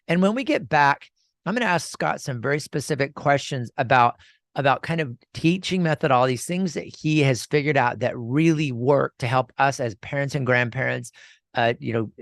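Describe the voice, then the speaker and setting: A middle-aged man hosts a radio talk show in a loose, chatty way, often restarting and repeating his words. His voice sits at a mid pitch. The studio sound is close and dry, with no room echo. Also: a bit bright. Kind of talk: casual radio interview chat.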